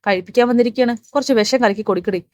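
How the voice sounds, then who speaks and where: A woman's voice: on the high side, racing, darkish tone, no room sound, studio quality, natural voice. A woman voicing an angry, accusing sister-in-law who scolds and taunts sharply. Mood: scornful.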